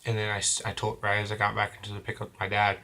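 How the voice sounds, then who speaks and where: Speaking straight to camera at home, a young vlogger tells a confessional story, his bright voice hoarse from a cold and sitting on the low side. His delivery is completely flat, rambling and halting, with frequent restarts and self-corrections that often stop him mid-phrase.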